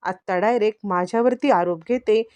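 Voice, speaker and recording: A woman's voice: fairly quick, warm tone, clear, resonant tone, no room sound, natural voice. A woman voicing a scheming young woman who feigns innocence, whiny and pleading. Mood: pleading fake. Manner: whiny, pleading, high-pitched.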